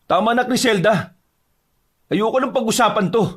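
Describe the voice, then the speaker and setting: A man's voice: medium pitch, moderate pace, lightly acted. A man voicing an irritable, suspicious young husband who answers curtly, in a horror audio drama. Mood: snapping. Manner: curt, snapping.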